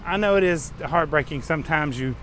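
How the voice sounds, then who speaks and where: A man's voice: a little high, fairly quick, a bit bright. A man hosting a casual travel vlog, chatting encouragingly as he walks. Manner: encouraging, chatting while walking. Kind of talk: casual walk-and-talk chat. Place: outdoors, walking along a resort path. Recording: outdoor city ambience and vehicle noise.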